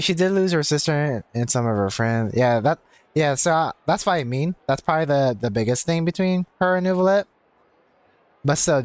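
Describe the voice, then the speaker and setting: Medium in pitch with a darkish tone and no echo, this man chats casually on a game livestream as game music plays behind him. The streamer explains himself at length, repeating and circling back over his points.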